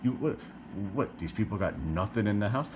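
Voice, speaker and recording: A man's voice: fairly low pitch, animated, normal speed, noisy background. A middle-aged man from New Jersey ranting to camera, exasperated, firing rhetorical questions and repeating himself. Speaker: vlogger.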